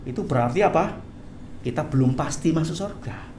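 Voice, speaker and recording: A pastor preaching an animated sermon, often tagging phrases with "ya". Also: medium pitch, moderate pace, noisy background. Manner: animated, tags phrases with "ya", acts out quoted voices. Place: church hall, livestreamed service. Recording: echoey church hall.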